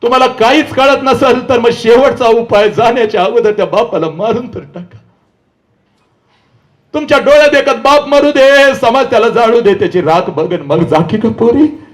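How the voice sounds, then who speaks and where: High-voiced man lecturing fiercely. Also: lively intonation, moderate pace. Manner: fiery, scolding, shouting at the crowd; repeats commands to the audience. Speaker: motivational public speaker. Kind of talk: impassioned stage lecture. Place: large event before a seated audience.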